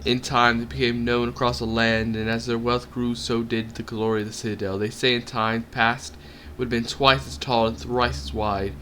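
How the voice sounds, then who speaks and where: A man's voice: medium pitch, flat delivery, moderate pace, sharp tone, slight background noise. A man streaming a text game, reading its story aloud in a storybook cadence. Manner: narrates in a storybook cadence, puts on voices for quotes. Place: home streaming setup.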